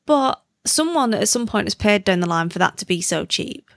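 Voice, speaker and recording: Gravelly-edged woman chatting casually. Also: mid-range voice, animated, moderate pace, no echo, studio quality. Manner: rambling, self-correcting, informal. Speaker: podcast participant. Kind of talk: casual podcast chat.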